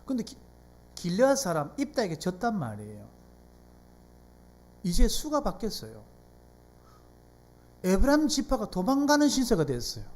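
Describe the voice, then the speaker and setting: A pastor with a Gyeongsang Korean accent delivers a sermon in a church sanctuary. The speech rises and falls with a lively, animated pitch. It is conversational preaching, with one rhetorical question after another to the people in the pews. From South Korea.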